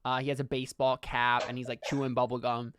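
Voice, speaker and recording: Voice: mid-range voice, flat delivery, fast, a bit bright, slight background noise. A player narrating a tabletop role-playing scene, hesitant and full of fillers. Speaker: game player.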